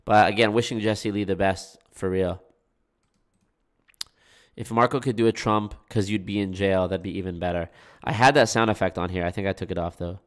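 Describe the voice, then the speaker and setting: This low-voiced man sounds stuffed up, his nose clearly blocked, as he chats with livestream viewers. His intonation stays fairly even at a normal speed with frequent pauses, and his talk is loose, folksy with "y'all," and sprinkled with swearing.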